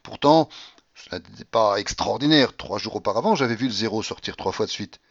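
Man reading a novel aloud, expressive and animated, very dry close sound. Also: fairly low pitch, fairly quick, no room sound, lo-fi sound. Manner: expressive, dramatic storytelling. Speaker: audiobook reader. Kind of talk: literary narration read aloud.

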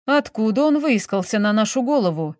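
A woman's voice: a little high, expressive, brisk, darkish tone, no room sound, studio quality, lightly acted. A woman reading a story, voicing a brusque, hot-tempered male police investigator who barks orders and questions. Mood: businesslike. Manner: barking, then coaxing.

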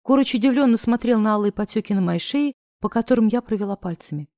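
A woman narrating a novel in the first person, expressive and acting out the other characters' lines. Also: on the high side, quick pace, no room sound, studio quality. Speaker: audiobook narrator.

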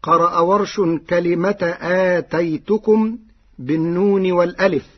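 Slow, husky-voiced man teaching recitation. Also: sits high. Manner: calm and deliberate, chanting each example phrase. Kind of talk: radio lesson on recitation variants. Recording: dull lo-fi radio recording.

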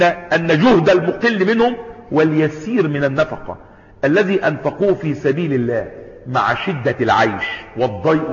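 A man with an Egyptian Arabic accent teaches a religious lesson in a fairly high voice. He shifts from formal recitation to everyday explanation and keeps asking his listeners questions. The recording sounds dull and lo-fi, with long reverb from a large hall. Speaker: sheikh teaching a creed commentary. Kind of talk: lecture-style religious lesson.

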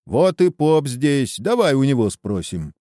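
A man's voice: mid-range voice, sing-song, measured pace, mellow, dry recording, clean studio sound, voice pushed up. A man voicing an impulsive, hotheaded young village man in a storybook reading. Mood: eager. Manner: impulsive, eager.

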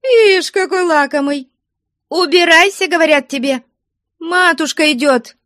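A woman's voice: very high-pitched, unhurried, fairly bright tone, no echo, studio quality, pitched above the performer's own voice. A woman reading a story, voicing a mischievous young woman who scolds and mocks her suitor. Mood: shooing. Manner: scolding, mocking, laughing. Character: young woman, mischievous, teasing, sharp-tongued. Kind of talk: audiobook character voice.

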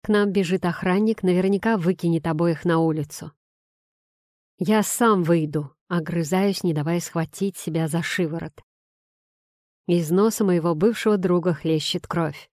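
A woman reading a first-person novel aloud, in a steady, measured way. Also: lowish voice, no room sound, clean studio sound. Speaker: audiobook reader. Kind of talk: first-person audiobook narration.

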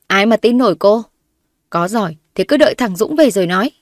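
A woman's voice: mid-range voice, fast talker, no room sound, studio quality, lightly acted. Woman putting on a shrieking spiteful mother-in-law. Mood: scolding. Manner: shouting, scolding, accusing. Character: shrill, spiteful older mother-in-law, screeching.

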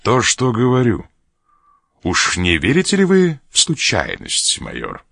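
A man's voice: medium pitch, huge pitch swings, unhurried, vocal fry, pushed and bright, dry recording, clean studio sound, full character voice. A man reading aloud as a sly sailor who mocks and threatens an officer. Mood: mocking. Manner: mocking, laughs at threats. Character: sly mocking sailor, blackmailing a major.

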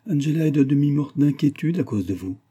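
Guy putting on a fretful little old lady, higher voice but still husky. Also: expressive, a little fast, mellow. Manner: fretful, exclaiming. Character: anxious little old woman servant.

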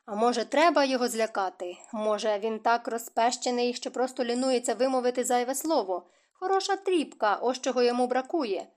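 A woman reading the lines of an angry, proud middle-aged duke who bellows and shouts in an audiobook. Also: a little high, moderate pace, close to an everyday voice. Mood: furious.

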